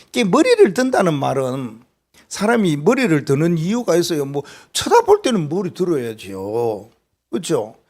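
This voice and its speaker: This pastor, a man with a Gyeongsang accent and a slightly high voice, delivers an animated sermon. He often challenges his congregation with rhetorical questions.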